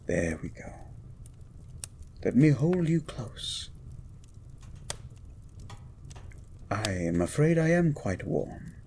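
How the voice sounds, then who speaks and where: A man playing a gentle, erudite beast of a scientist in a romantic audio roleplay, speaking in eloquent, formal, flirtatious phrases and lingering over his words. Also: fairly low pitch, a little hiss or hum.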